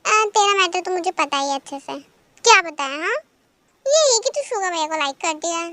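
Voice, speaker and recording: A woman's voice: extremely high pitch, animated, normal speed, bright, forceful tone, no echo, heavily acted. Woman doing a chatty class-monitor schoolgirl. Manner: chatty and teasing. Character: cheerful, dutiful teenage girl, class monitor.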